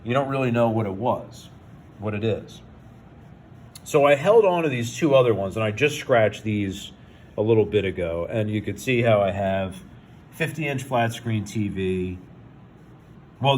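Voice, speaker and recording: A man's voice: lowish voice, lively intonation, normal speed. An American man chatting casually and skeptically as he explains things, rambling and repeating himself for emphasis. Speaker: vlogger. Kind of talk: casual explanatory chat to camera. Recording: clearly audible background noise.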